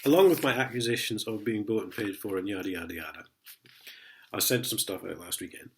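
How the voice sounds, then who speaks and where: In a casual ranting vlog, a man with a sniffly head cold gets sarcastic and chuckles as he reads letters aloud. He speaks fairly quickly, his voice on the low side.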